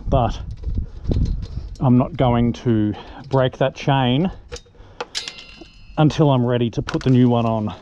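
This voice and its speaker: A man's voice: medium pitch, slow pace, pauses often, mellow, dull audio. An Australian man talks through a motorbike repair in a loose, chatty, self-mocking way, puffing a little as he works. He is recorded on a helmet-mounted camera, and the audio is noisy, with clicks and clanks of tools behind him. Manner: chatty, self-deprecating, thinking aloud. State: out of breath. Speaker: motorbike DIY vlogger. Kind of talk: casual how-to talk while working. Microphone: helmet-mounted action camera.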